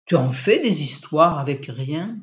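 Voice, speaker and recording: Reader doing a cold young wife, curt, dismissive, low and quiet, slow. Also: female voice, animated.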